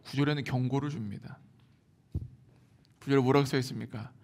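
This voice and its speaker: A male pastor preaching a sermon in an animated, emphatic way, telling stories and acting out other people's voices. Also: mid-range voice, moderate pace. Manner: animated, emphatic, many filler words; acts out quoted voices. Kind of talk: sermon with storytelling.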